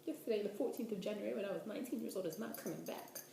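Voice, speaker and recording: A woman in her twenties rambles casually to the camera in a talking-head vlog, peppering her speech with "like." Her mid-range voice is gravelly and dark, and she talks at a racing pace in an echoey room.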